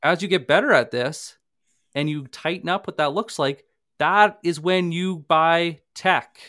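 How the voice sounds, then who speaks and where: A man's voice: on the high side, measured pace, pushed and bright, no echo, studio quality. A man from Canada co-hosting a live sales workshop and podcast, talking conversationally with everyday examples and the odd stammer. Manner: conversational, uses homely examples, slight stammers. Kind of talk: casual live webinar talk.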